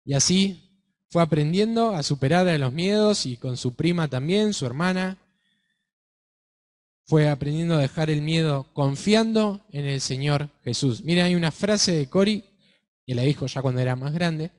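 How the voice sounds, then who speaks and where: A man with an Argentine accent telling a church story to children, animated and speaking directly to them. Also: fairly high pitch, moderate pace. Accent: Argentine Spanish. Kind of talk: Bible-class storytelling to children.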